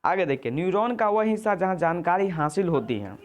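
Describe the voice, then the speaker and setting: Exam-prep tutor, repetitive, self-correcting, mid pitch. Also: expressive, a little fast. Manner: checks in with "ठीक है" and "आगे देखिए". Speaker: teacher. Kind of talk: exam answer walkthrough lesson.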